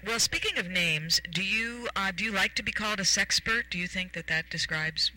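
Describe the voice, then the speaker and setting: A woman's voice: mid-range voice, animated, normal speed, sharp tone, poor audio. A woman hosting a radio talk show, rambling playfully with many fillers and puns. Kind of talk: casual radio chat.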